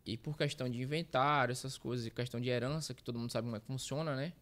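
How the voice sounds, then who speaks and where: In a laid-back interview, a thirtysomething guest from Bahia, Brazil, who is a street reporter, recounts his life with slang fillers, wandering and correcting himself along the way. He talks rapid-fire at a medium pitch, with fairly even intonation and a slightly bright sound.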